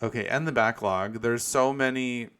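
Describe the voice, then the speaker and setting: A clean, slightly bright mid-range voice at a moderate pace belongs to this male podcast host. His casual solo monologue is frank, profane and campy, with asides he laughs through.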